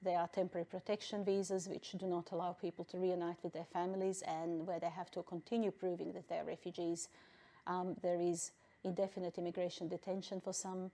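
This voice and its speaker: A Bosnian woman in middle age, president of a refugee council, answers interview questions thoughtfully and with measured care, pausing often and using fillers. Her voice sits low, its tone level and mellow.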